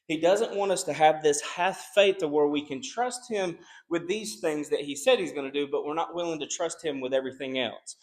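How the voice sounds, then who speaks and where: Earnest preaching man, slightly high voice. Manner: earnest preaching with repeated restarts. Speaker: pastor. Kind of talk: sermon.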